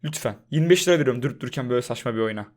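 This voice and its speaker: A man's voice: medium pitch, expressive, racing. A young man giving casual, chatty commentary on a mobile game, joking, swearing for fun and soothing the characters. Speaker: gaming YouTuber.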